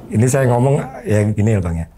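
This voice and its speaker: A man's voice: on the low side, expressive, quick pace, background noise. A man telling a story as an interview guest, earnestly acting out the remembered dialogue. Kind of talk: conversational storytelling.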